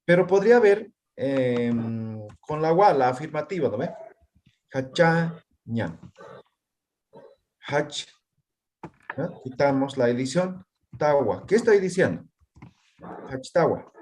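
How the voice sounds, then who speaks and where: A man's voice: on the high side, lively intonation, measured pace, darkish tone, a little hiss or hum. Man teaching and quizzing a class. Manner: constantly checks understanding with tag questions; quizzes students on meanings. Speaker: language teacher. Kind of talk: online class.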